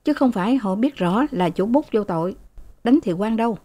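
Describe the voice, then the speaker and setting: A woman reading an audiobook voices a calm young male student in her own level voice. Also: mid-range voice, moderate pace, lightly acted.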